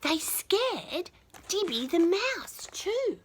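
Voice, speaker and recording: Her voice is extremely high-pitched with drawn-out words as this Australian teacher and children's storyteller reads a picture book to young children. She adds affectionate, chatty asides and reads expressively.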